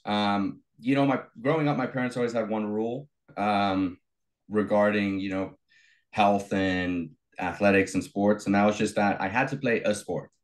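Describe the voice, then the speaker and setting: A young man with a lowish voice, from South Africa, talking as a guest in a casual interview. He tells his story easily, pausing on fillers as he goes. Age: young adult. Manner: relaxed storytelling with many fillers. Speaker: guest, bodybuilder and coach.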